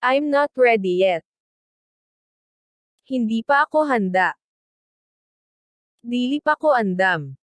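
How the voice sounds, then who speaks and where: Woman, language teacher, very slow careful reading, dry close sound. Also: on the high side, expressive, dry recording. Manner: reads each phrase slowly and deliberately. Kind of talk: slow read-aloud translation drill.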